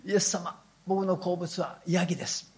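A man's voice: high voice, steady tone, moderate pace. A man voicing a hungry apostle who prays and pleads in a chatty way. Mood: eager.

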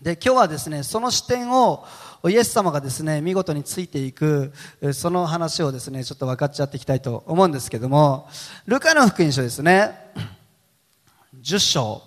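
Lively high-voiced man preaching in a hall. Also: brisk. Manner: chatty storytelling with frequent laughs. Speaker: pastor. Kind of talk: sermon. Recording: reverberant hall.

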